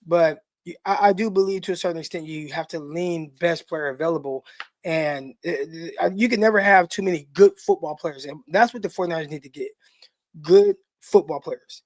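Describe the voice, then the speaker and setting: Fairly high-pitched and recorded with no echo, this former pro football player co-hosts a live podcast about the draft. His takes are enthusiastic and opinionated, delivered loosely and conversationally with quick asides.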